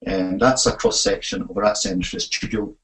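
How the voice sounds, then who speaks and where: A man's voice: on the low side, fast, fairly bright tone, poor audio. A man with a broad Scottish accent giving a technical webinar presentation, talking with frequent fillers and self-corrections. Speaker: imaging facility manager presenting a webinar.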